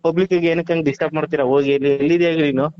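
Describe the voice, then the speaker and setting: A man's voice: a little high, fairly even intonation, racing. A man taking a phone call who humors and then scolds the caller, humming along often. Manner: patient at first, then scolding, with frequent hums. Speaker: call recipient. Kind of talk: phone conversation. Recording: muffled phone call audio.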